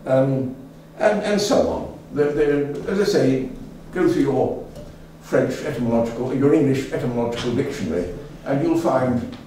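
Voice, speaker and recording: This older man gives a rambling, chatty informal lecture to a local society, with lots of fillers and restarts, speaking at a moderate pace with hardly any pauses in a dark, mid-range voice. He's in a meeting room with an audience, where a distant mic picks up echo and faint room noise.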